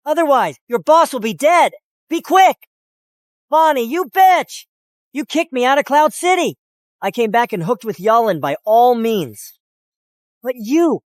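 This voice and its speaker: Una mujer haciendo de villano furioso y rencoroso, voz aguda. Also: female voice, fairly high pitch, no room sound, studio quality. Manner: yelling, spiteful, with taunting laughs. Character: scheming, furious male villain who has been exposed. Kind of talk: dubbed drama acting.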